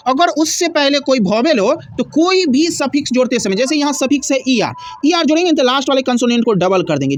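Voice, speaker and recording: A woman teaching a grammar lesson, who asks questions and answers them herself and repeats key words slowly. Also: sits high.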